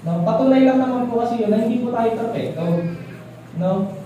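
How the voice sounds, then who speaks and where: High-voiced man preaching in echoey hall. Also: fairly quick, highs cut off, a little hiss or hum. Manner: keeps asking listeners for agreement, relaxed and chatty. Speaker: church leader teaching a congregation. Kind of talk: conversational sermon. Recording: echoey, distant mic in a hall.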